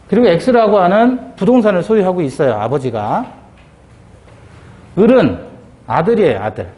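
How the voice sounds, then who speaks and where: A middle-aged man teaches civil law for an exam course in a lecture style. His voice sits high for a man and swoops up and down as he asks the class questions. He drops into quoted voices to act out short scenes. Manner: animated, acts out dialogue in quoted voices.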